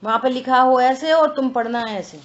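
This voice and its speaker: A woman leading a religious scripture study in a lively conversational way, asking rhetorical questions and teasing her listeners. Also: high-pitched, normal speed. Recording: dull lo-fi recording.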